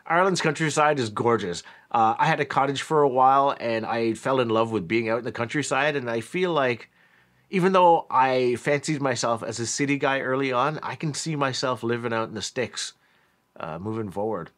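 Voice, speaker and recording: A man from Canada narrating a casual vlog about a factory trip in a relaxed, chatty way with lots of fillers. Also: medium pitch, normal speed. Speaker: vlogger, headphone reviewer.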